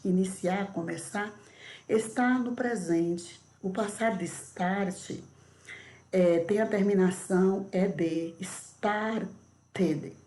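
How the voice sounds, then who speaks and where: A middle-aged Brazilian woman teaching English in a remote video lesson, explaining patiently and repeating words slowly. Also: mid-range voice, warm tone. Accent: Brazilian Portuguese.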